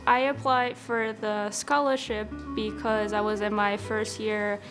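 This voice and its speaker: A young woman speaks earnestly about her studies, with a little hesitation here and there. Her pitch barely moves, staying level and even. Music plays softly underneath her interview. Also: a little slow. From Chile. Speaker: scholarship recipient, PhD student. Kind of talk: interview testimonial.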